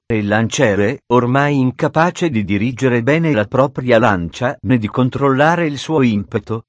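A man narrating an adventure storybook in a steady, dramatic reading on a close studio microphone. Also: mid-range voice, dry recording, muffled recording. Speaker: audiobook narrator.

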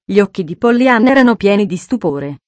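A woman narrating a children's story in a calm, even storytelling manner. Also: medium pitch, a little fast, dry recording. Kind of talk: audiobook narration.

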